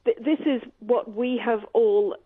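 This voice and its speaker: A woman's voice: fairly high pitch, a little slow. A woman guest on a radio show, chatting casually about money and restarting her sentences often. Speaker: radio guest explaining finance. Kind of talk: casual phone-in chat. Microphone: telephone. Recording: tinny phone line.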